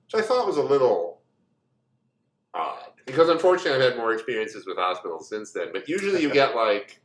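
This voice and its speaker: Animated man in his forties, echoey room. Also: mid-range voice, brisk, a little hiss or hum. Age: 40s. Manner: animated, rambling with many asides and fillers. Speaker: co-host. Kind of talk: casual storytelling chat.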